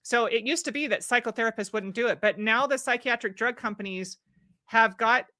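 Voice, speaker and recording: Middle-aged woman on a podcast, bright voice, earnest, stumbles and restarts, dry close sound. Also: on the high side, fairly quick, no room sound. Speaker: podcast guest. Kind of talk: podcast conversation.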